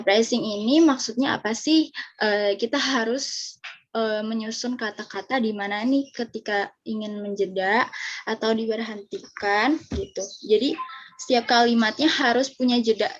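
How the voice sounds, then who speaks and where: A young woman with an Indonesian accent giving a casual public speaking lesson, chatty and full of fillers. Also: on the high side. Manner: chatty, many fillers, demonstrates MC greetings. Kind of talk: casual instructional talk. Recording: lo-fi muffled recording.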